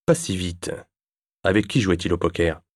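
A curt, impatient grown man who speaks bluntly, in a deep voice, as a male audiobook reader plays him. The reading is close and dry. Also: normal speed, no echo.

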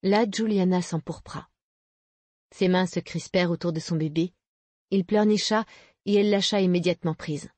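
A woman narrating an audiobook with steady, even reading. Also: lowish voice, moderate pace, dry recording. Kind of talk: scripted narration.

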